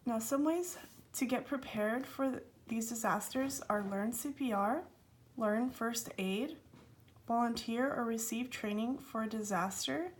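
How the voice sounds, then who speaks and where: A young adult woman delivers a student presentation in a somewhat high voice. She follows a script but slips into informal, slightly hesitant explanation. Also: unhurried.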